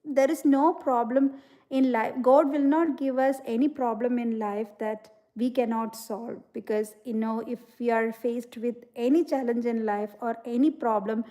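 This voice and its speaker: A woman's voice: on the high side, fairly even intonation, moderate pace, mellow. A woman from India, hosting a casual livestream. She speaks earnestly and reflectively, with many "you know" fillers, and reads out and answers viewer comments. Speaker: livestream host.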